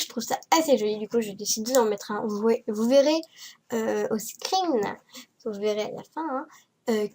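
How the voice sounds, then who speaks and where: Hoarse, nasal woman rambling over gameplay. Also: fairly high pitch, darkish tone. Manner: rambling and hesitant, self-mocking. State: hoarse from a cold. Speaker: Sims building YouTuber.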